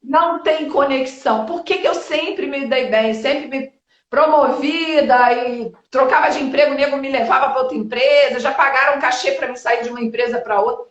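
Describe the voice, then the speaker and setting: A high-pitched woman in her fifties talks as a guest on a live stream, blunt and lively, with mild swearing and quick asides. The audio is dull and lo-fi, and her voice echoes in the room. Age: 50s. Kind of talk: live-stream interview, casual talk. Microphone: video call.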